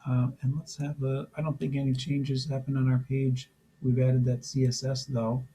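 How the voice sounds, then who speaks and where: A man's voice: medium pitch, slight background noise, rough recording. Man with a fading voice teaching code. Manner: relaxed, explains step by step with frequent fillers. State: losing his voice. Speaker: programming instructor. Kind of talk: screen-recorded coding tutorial.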